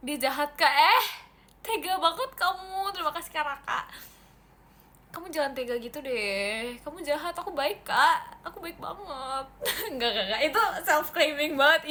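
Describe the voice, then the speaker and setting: A woman's voice: high voice, bright, forceful tone. A woman livestreaming to fans in a casual, playful chat, reading comments aloud and mixing in English words.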